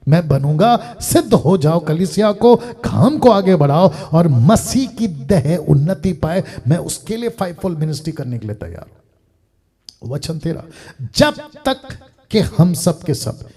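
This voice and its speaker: A male pastor preaching a sermon, mixing in English phrases, swinging from loud emphasis down to near-murmurs. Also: fairly high pitch, sing-song, slow pace, breathy edge.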